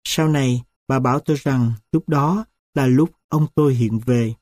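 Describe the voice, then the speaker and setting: A man reading a first-person story aloud as an audiobook narrator, in a slow, solemn and reflective way. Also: medium pitch, a little mellow, dry recording, clean studio sound.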